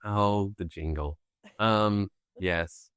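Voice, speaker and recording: A man co-hosts a podcast in easy, joking banter. His voice sits a bit low, and the recording is dry and close. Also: extremely slow, fairly bright tone, smooth, dry recording. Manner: playful, joking. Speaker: podcast co-host. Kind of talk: casual banter.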